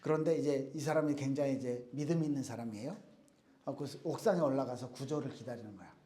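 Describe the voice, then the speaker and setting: Speaking fast in a mid-range, dark-toned voice, a man delivers a relaxed youth sermon, narrating stories in plain language and voicing the quotes himself. The church youth service room gives it plenty of reverb.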